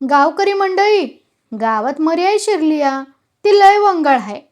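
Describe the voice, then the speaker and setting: A woman voicing a superstitious old village man who speaks loudly and forcefully. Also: very high voice, expressive, measured pace, pitched above the performer's own voice. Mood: insistent. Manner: loud, forceful.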